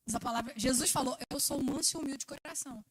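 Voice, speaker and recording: A Brazilian Portuguese woman preaching a sermon at a church service, swinging between loud emphasis and quiet asides. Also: high-pitched, quick pace, husky.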